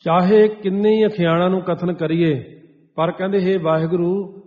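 A Sikh preacher delivers a scripture exposition sermon in a large hall, chanting scripture lines slowly and then explaining them plainly to the congregation. His voice sits high with a steady tone, picked up by a stage microphone in a dull recording with long hall reverb.

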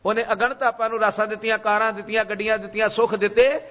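A man with a Punjabi accent preaches in a strikingly high voice, chanting scripture and urging the congregation to repeat lines back to him. His voice carries a long reverb from a large hall. The recording sounds muffled and lo-fi. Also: flat delivery, fast talker. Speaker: Sikh preacher giving katha. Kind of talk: sermon with sung scripture.

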